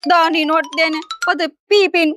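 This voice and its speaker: A woman's voice: very high voice, fairly even intonation, normal speed, a bit bright, slight background noise. A woman, complaining about her husband in a rustic comedy sketch.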